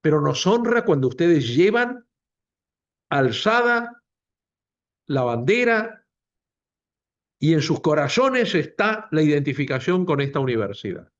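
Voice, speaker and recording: Guy running a doctoral program, slow emphatic speech, voice swings up and down a lot, muffled lo-fi sound. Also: fairly high pitch, big pitch swings. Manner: emphatic, repeating key phrases. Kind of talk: introductory speech at a book presentation. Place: university lecture room, also streamed to video call.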